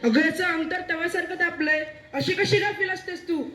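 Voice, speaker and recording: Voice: very high voice, brisk, bright, forceful tone. A child playing a firm, scolding husband in a school stage play. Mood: stern. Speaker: student actor playing a husband. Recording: echoey hall with music.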